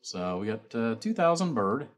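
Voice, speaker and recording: A man with a mid-range voice and big pitch swings, talking at normal speed, casually demonstrates the amplifiers he builds and sells. He rambles, constantly repeating "you know" and "like I said."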